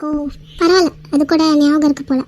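A woman voicing an angry, hurt young wife in a cartoon skit, scolding with quick indignant retorts. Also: sits high, fairly even intonation, a little mellow, close to an everyday voice.

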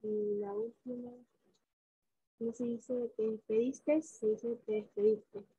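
A teenage girl reads her answers slowly and in order during an online class. Her voice is very dark and husky. The call audio is dry, muffled and lo-fi. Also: fairly high pitch, little pitch movement, dry recording. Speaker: student.

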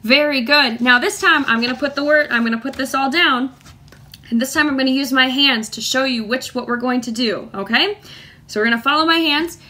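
A woman music teacher leading a children's lesson, speaking slowly and clearly and chanting rhythms for the class to copy. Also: high voice, pushed and bright.

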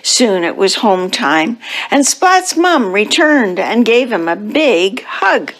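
A woman reads a picture book aloud to children at church, taking her time with each line. Her voice rises and falls with a lot of expression, and she speaks in a middle-range pitch. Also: a little hiss or hum, poor audio. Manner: slow, expressive storytelling. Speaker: children's story reader at a church service.

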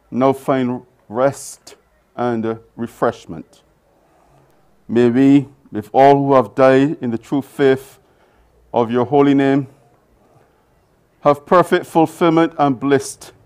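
Man, officiant, unhurried graveside prayers, phrase ends fading quietly. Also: mid-range voice. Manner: slow, solemn recitation, trailing off softly at phrase ends. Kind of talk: liturgical reading at a burial service.

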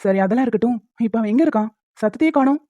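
A woman voicing a young cartoon husband who bickers and protests loudly. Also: on the high side, expressive, very fast, dry recording. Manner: loud protesting outbursts. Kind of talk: Tamil cartoon dubbing. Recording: tinny phone-like, dry.

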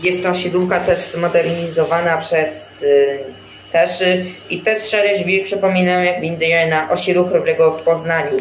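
A man's voice: on the high side, steady tone, moderate pace, a little hiss or hum. A young man casually commenting on a game he is playing, rambling with many fillers and restarts. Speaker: gaming channel host. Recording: roomy echo, faint game music behind.

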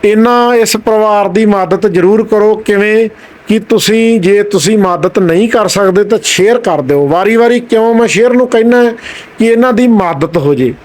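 A man hosting a charity video, making gentle, earnest, repeated appeals to viewers. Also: high-pitched, moderate pace.

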